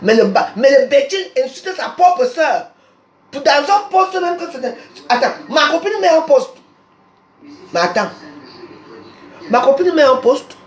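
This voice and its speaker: Femme camerounaise en colère, voix résonnante. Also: female voice, sits high, animated, unhurried, pauses often, slight background noise. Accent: Cameroonian French. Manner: combative, insulting, repetitive. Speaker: social media personality. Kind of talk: angry live social media rant. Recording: roomy echo.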